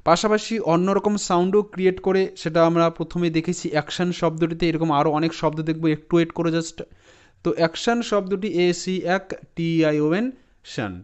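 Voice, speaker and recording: A man teaching English pronunciation, spelling words out letter by letter and repeating them slowly for his students. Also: a little high, steady tone, a little mellow, clear, resonant tone. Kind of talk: spoken lesson to students. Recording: slightly dull lo-fi sound.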